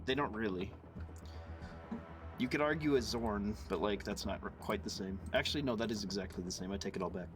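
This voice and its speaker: A man's voice: on the low side, fairly quick, over music. A man running a tabletop game as game master, rambling and correcting himself as he talks. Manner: rambling, self-correcting, lots of filler.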